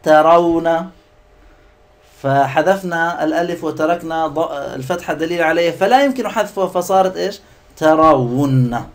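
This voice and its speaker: Male grammar teacher, slightly high voice, patient explainer, quizzes the class often and drags out example words. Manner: patient, explanatory, quizzes students with repeated questions; stretches out example words slowly.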